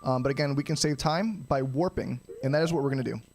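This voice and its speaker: A man giving casual live speedrunner commentary, explaining each step of a game to viewers and often clearing his throat. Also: medium pitch, fast, background noise. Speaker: speedrunner streaming a game challenge.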